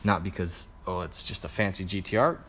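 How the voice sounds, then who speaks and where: A man hosting a live stream, answering viewer questions in a low-key, easygoing way. He is tired and a bit out of breath. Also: brisk, fairly bright tone, breathy edge. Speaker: car lighting shop host answering viewers. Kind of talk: live-stream Q&A while showing a build.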